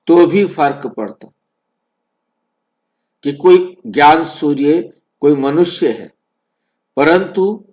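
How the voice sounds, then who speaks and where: A man explaining scripture slowly and deliberately as a spiritual teacher, repeating phrases for emphasis over an online call. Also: fairly high pitch, darkish tone. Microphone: online video call.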